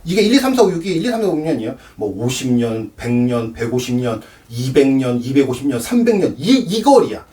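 A man's voice: mid-range voice, very animated, fairly quick, few pauses, dark tone, recorded from a distance. A man giving a cello lesson, explaining with props and counting aloud. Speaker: cello teacher. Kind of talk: demonstration lesson.

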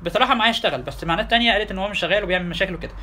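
A man with an Egyptian Arabic accent giving a casual software tutorial, talking fast and asking his listeners rhetorical questions. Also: high voice, slight background noise. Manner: quick, chatty, addresses listeners directly with rhetorical questions. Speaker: software instructor. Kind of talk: tutorial lecture.

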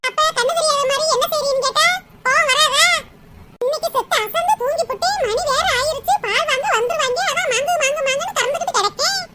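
A woman doing a snappy squeaky village woman. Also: fast. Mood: scolding. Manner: snappy, scolding. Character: irritable busy older village woman milking a cow. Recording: loud background noise.

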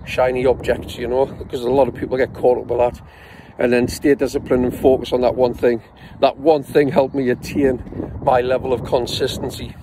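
Give me a man in a casual home trading vlog, rambling with fillers, at an ordinary pitch. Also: background noise. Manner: rambling, with many fillers and restarts, addresses viewers as guys. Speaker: forex trader vlogger. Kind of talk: casual vlog talk to camera. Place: at home, moving between rooms and outdoors.

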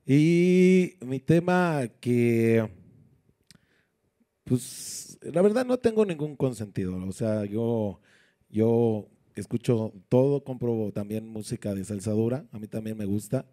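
A man's voice: medium pitch, expressive, dark tone. A man, a sound system announcer, coaching others in a casual interview by firing off questions. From Puebla, Mexico. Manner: coaching, asks rapid questions. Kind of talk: casual interview, giving advice.

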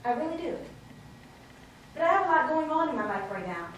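An actress playing a tired, patient young mother who speaks in a measured way, in a stage play. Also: high voice, very animated, distant mic, highs cut off, a little hiss or hum. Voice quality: measured, trying to get a word in. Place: theater stage. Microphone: far room mic. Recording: echoey stage recorded from afar.

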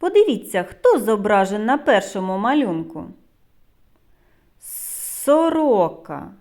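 A woman with a Ukrainian accent, a preschool teacher giving a phonics lesson to young children in a slow, clear, sing-song voice. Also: mid-range voice, big pitch swings, darkish tone.

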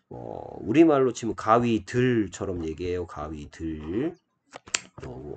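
A man with a lowish voice teaches English grammar, walking through each step and asking his listeners rhetorical questions. He slows right down whenever he models a sample sentence. A faint hiss sits under the recording. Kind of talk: online grammar lesson.

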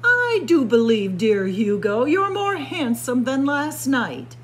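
Woman playing a pompous, loudly swooping little king. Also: high-pitched, big pitch swings, slow, slight background noise, voice pushed up, heavily acted. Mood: smug, admiring. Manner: pompous, declaiming. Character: vain, boastful, bossy little storybook king.

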